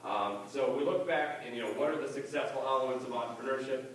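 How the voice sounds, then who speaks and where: A man's voice: mid-range voice, quick pace. A man who is an economic development director gives a conference presentation, with many hesitant fillers. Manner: plain, hesitant delivery with many "uh"s. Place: large echoey conference room. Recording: very echoey hall, voice from far off.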